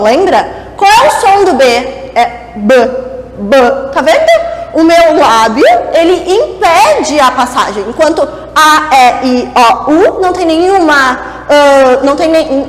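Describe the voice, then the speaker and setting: A woman teacher giving a classroom lesson, playful and chatty, asking herself rhetorical questions as she explains at a board. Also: high-pitched. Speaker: Portuguese teacher. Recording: echoey room with long reverb and faint noise.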